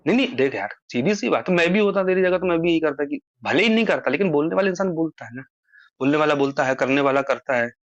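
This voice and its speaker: Over a muffled, lo-fi recorded phone call, a man talks at length in casual conversation, explaining himself and appealing to the listener. His voice is fairly high, animated, and quick, with no room sound.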